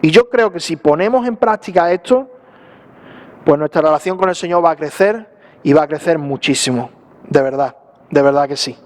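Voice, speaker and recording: High-voiced pastor preaching lively. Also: male voice, normal speed. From Spain. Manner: lively, conversational preaching with tag questions and acted-out asides. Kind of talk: sermon.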